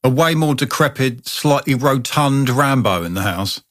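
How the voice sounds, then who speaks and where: A man's voice: medium pitch, animated, moderate pace, a bit bright. A man, co-hosting a podcast in casual chat, making dry jokes and laughing easily. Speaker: podcast co-host.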